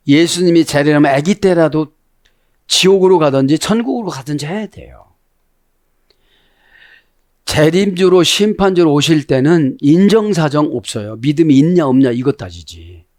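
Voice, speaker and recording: A man's voice: on the high side, a little mellow. Fervent middle-aged male pastor, prodding questions. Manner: prods listeners with constant questioning interjections; explains Greek words slowly and emphatically. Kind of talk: sermon.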